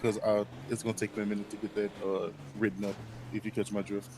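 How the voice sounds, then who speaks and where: A man's voice: on the low side, level tone, quick pace. A young man from Baltimore role-playing a sheriff's deputy in a game, talking hesitantly with lots of ums and likes. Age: young adult. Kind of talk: in-character game role-play. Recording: noisy game audio with traffic sounds.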